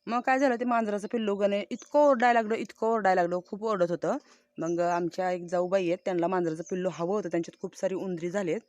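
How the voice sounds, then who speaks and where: A woman's voice: medium pitch, fairly even intonation, fast talker, darkish tone, no echo. Chatty woman, dry close sound. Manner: chatty, homely, talks to viewers directly. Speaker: vlogger. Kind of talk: casual farm vlog narration. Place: outdoors on a farm field.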